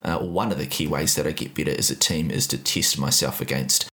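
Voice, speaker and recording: A man hosting a podcast, questioning his guest in a measured way with many fillers. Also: rumbling low, steady tone, a bit bright. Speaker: podcast host. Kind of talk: casual podcast interview.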